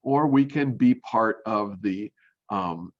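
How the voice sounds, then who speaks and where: A man teaching graphic design in a recorded demo, talking in a halting way with many ums and restarts. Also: fairly low pitch. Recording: muffled lo-fi audio.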